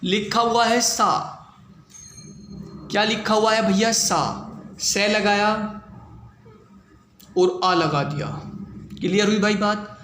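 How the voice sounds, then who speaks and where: A high-voiced man gives a shorthand lesson, walking through each step slowly and often checking that his students follow. He sounds casual and patient. The room echoes, and a faint background noise sits under his voice. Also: fairly even intonation, fairly bright tone. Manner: repeats points, keeps asking if it is clear. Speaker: shorthand teacher.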